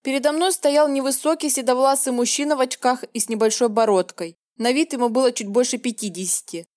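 A woman's voice: high voice, a little fast, darkish tone, no room sound, clean studio sound. A woman narrating a romance audiobook in the first person with a tense, emotional reading.

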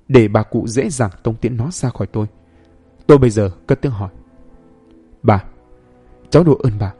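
Husky dark-voiced male storyteller. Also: medium pitch. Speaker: narrator. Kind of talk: first-person horror story narration.

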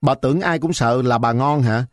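A man's voice: on the high side, brisk, no echo, studio quality, natural voice. A man voicing a skinny, hot-tempered young boy who talks back defiantly. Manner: defiant, mocking.

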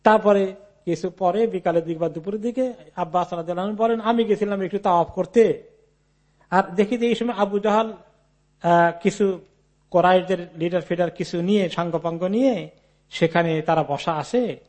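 A man giving an Islamic sermon, reading Arabic slowly and then explaining it in a casual, chatty way. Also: sits high, a little mellow. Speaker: Islamic preacher.

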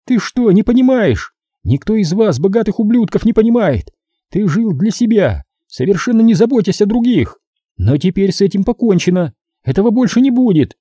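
A man voicing a sadistic young woman kidnapper who gloats and taunts in a shrill, high voice in an audiobook. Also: very animated, moderate pace, warm tone, breathy edge, dry recording, clean studio sound, exaggerated voice. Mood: gloating. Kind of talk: audiobook character voice.

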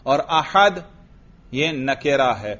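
A man teaching Arabic grammar in a lecture, quizzing students with quick questions and having them repeat answers. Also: medium pitch, animated, fairly bright tone. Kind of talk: classroom lecture with drilling questions. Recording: dull lo-fi lecture recording.

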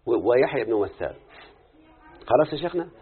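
Egyptian male teacher, brisk questioning delivery, husky, tinny phone-like audio. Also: medium pitch, very animated. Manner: quick explaining, checking understanding with questions. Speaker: teacher of Quranic readings and grammar. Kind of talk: live lesson with a student.

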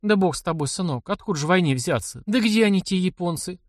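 A man's voice: sits high, expressive, quick pace, no room sound, clean studio sound, pitched above the performer's own voice. A man voicing a worried older peasant woman who fosters a young man, in an audiobook, speaking in a fretful, pleading way. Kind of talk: audiobook character voice.

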